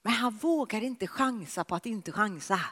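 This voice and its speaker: A woman preaches, telling the story dramatically with a voice that swings widely in pitch. She drops to hushed, near-whispered lows and climbs to emphatic, raised peaks. Her voice rings with the long reverb of a church hall. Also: expressive. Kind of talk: sermon.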